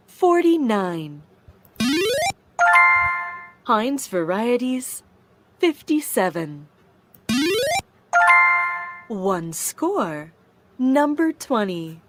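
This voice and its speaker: A woman calling bingo numbers with their rhyming calls, slow and measured. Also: medium pitch. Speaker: bingo caller. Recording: loud music playing underneath.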